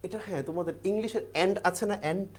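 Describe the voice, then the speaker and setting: A man's voice: sits high, steady tone, quick pace. A man teaching an exam-prep grammar lesson, explaining step by step and asking and answering his own questions. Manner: keeps checking in with the class.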